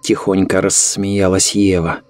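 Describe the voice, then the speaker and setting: A man narrating a horror story in a measured, ominous way. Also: deep voice, little pitch movement, darkish tone, dry recording.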